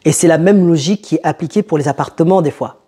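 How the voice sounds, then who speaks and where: A man's voice: fairly high pitch, quick pace, mellow, husky. A young man hosting a casual advice vlog, speaking straight to his viewers and putting rhetorical questions to them. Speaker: YouTube host giving advice to newcomers.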